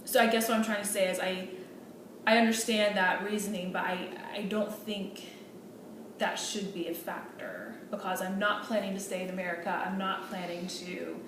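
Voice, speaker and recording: Cast as an earnest female medical student in a role-play meeting, a woman speaks in a natural, medium-pitched voice with a level tone and moderate pace. She is polite and hesitant, often using fillers and restarting. The echoey room, distant mic and noise are clearly audible.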